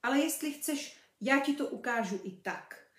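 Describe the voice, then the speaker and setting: A woman's voice: high voice, lively intonation, voice pushed up. A woman voicing a friendly, boastful male hunting dog who is eager to show off, in a children's storybook reading. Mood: coaxing. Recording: roomy, from a distance.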